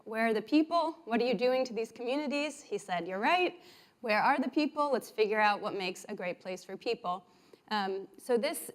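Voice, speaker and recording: A woman giving a conference presentation, earnest and a little halting, with fillers and restarts. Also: medium pitch. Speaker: conference speaker.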